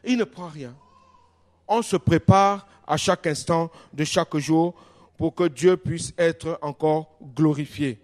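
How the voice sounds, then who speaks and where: A male pastor preaching a sermon in a church, telling stories with animation, his voice dropping to a hush and then rising loudly. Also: fairly high pitch, takes it slowly. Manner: animated storytelling, swings between hushed and loud.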